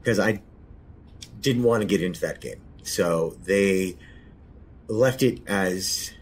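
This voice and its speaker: Male podcast host, very low voice, unhurried and halting, faint rumble under the recording. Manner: hesitant, soft-spoken, many pauses and fillers. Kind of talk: casual spoken introduction.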